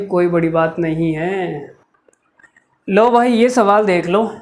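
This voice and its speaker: A man teaching maths in a lively lecture, chatting with his viewers and teasing them as he works through the problems. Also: sits high.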